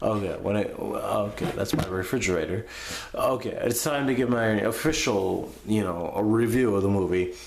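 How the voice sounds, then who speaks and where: A man's voice: fairly low pitch, moderate pace, gravelly. A man giving a casual, unscripted movie review, sounding drunk, crude and rambling as he loses his thread. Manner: crude, profane. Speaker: host of a movie review show. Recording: echoey room with background noise.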